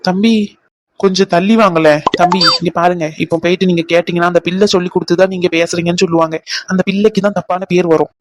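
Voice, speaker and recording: A man's voice: high voice, level tone, quick pace, noisy background, lightly acted. A man voicing a meek, fatherly older male servant in a cartoon, talking in a soothing, apologetic way.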